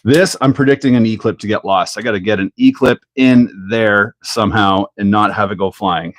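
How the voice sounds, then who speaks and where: A Canadian man with a fairly low voice chats casually through a live build stream, laughing easily as he answers viewers. The sound is dry, with no room echo. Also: normal speed. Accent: Canadian English. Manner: chatty, laughs often, answers viewer chat.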